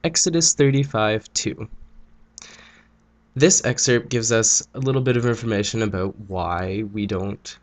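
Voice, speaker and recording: A man's voice: on the low side, level tone, moderate pace, hardly any pauses. A young man with a cold and a nasal voice, ranting sarcastically in a casual vlog. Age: young adult. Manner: sarcastic, jokey asides. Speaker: vlogger.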